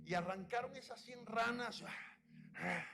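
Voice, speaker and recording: A male pastor preaching a sermon at a church conference, impassioned and rising to shouts. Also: high-pitched, a little slow, creaky.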